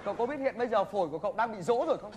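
A man playing a stern, bossy doctor in a stage comedy sketch, scolding with sharp questions. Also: sits high, animated, racing. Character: stern, blustering male doctor. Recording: noisy stage recording with loud audience.

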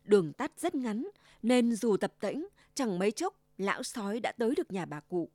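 A woman narrating a children's fairy tale in an expressive, storytelling way. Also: medium pitch, moderate pace, no echo.

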